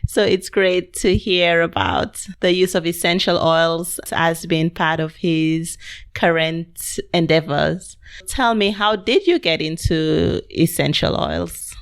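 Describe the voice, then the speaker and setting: Slow-spoken woman podcast host. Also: fairly low pitch, fairly even intonation, creaky, smooth, no echo, studio quality. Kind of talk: podcast intro and interview.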